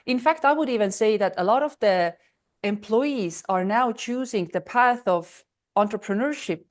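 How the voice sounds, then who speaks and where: A woman in her thirties from Estonia, talking as a guest on an interview podcast. Her voice sits at a middling pitch, and she answers in a measured way, often pausing on um and uh between thoughts. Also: lively intonation. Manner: measured, with frequent ums and uhs. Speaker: podcast guest, freelance consultant. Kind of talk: conversational interview.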